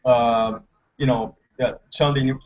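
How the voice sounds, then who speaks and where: A man from Brazil, a guest on a live market show, speaks with a hesitant, halting delivery over a crackly remote call line that keeps breaking up. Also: medium pitch, fairly even intonation. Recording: muffled lo-fi headset call audio.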